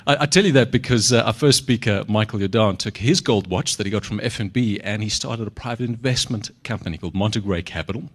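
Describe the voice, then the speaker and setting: A man's voice: lowish voice, fast, few pauses. Man telling an anecdote to introduce a speaker. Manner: storytelling, casual, uses fillers. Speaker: event host.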